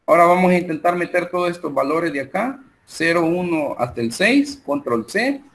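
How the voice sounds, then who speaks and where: A man's voice: high-pitched, animated, creaky, slight background noise. A man with a Salvadoran Spanish accent teaching an online math class, walking through calculations and a spreadsheet step by step with frequent fillers. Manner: talks slowly while working through numbers and software, with many fillers.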